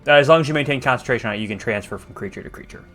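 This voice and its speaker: A man's voice: medium pitch, very fast, a bit bright, faint music behind. A man narrating a tabletop game as game master in a casual, conversational style. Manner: casual swearing.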